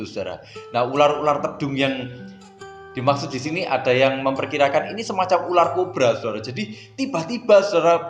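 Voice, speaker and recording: Male pastor, sermon delivery, fairly high voice, roomy echo and soft guitar underneath. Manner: addresses listeners as "saudara" often, rising and falling emphatically. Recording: echoey room with faint guitar music.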